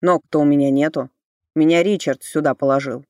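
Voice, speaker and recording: A woman reader voicing a grumpy, hoarse male talking skull who snaps and grumbles. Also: very deep voice, little pitch movement, moderate pace, warm tone, no room sound, clean studio sound, voice pushed down. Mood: grumbling. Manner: grumbling, snappish.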